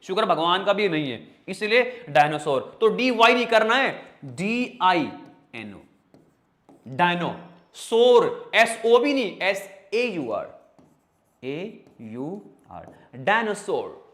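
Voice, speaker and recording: A man teaching English vocabulary in an exam-prep lesson, joking with students and slowly sounding out spellings syllable by syllable. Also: sits high, expressive, a bit bright. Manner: playful, jokey, drags out spellings slowly syllable by syllable; calls students "bhai" and "beta".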